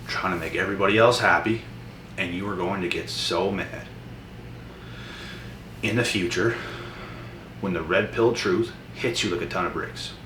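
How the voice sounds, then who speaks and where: Young male motivational vlogger, very low voice, blunt and preachy, distant echoey room with noise. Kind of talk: motivational monologue to camera.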